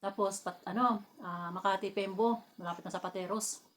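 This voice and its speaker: A woman from the Philippines chatting casually while eating, telling family stories with frequent laughter and lively bursts. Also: medium pitch, moderate pace, slight background noise. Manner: laughs often, animated when telling anecdotes. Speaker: vlogger.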